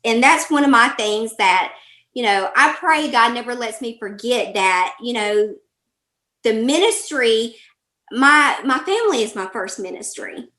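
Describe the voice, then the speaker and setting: A woman's voice: a little high, animated, unhurried, pushed and bright. A middle-aged woman from Alabama with a Southern US accent, chatting casually and giving folksy advice as an interview guest. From Alabama, United States. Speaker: interview guest, life coach. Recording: roomy, echoey sound.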